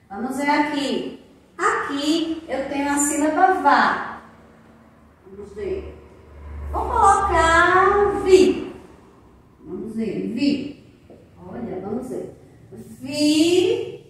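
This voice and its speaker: A Brazilian woman teaching a recorded lesson to small children, speaking in a sing-song, drawn-out way with affectionate diminutives and frequent tag questions. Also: fairly high pitch, slight background noise. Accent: Brazilian Portuguese. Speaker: preschool teacher. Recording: distant mic in a very echoey room.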